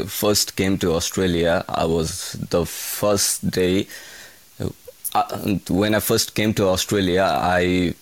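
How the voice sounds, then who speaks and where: Young man, from Nepal, kitchen hand being interviewed, very deep voice, dry sound, halting speech. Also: no room sound. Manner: halting, repeats and restarts words. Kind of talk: casual interview.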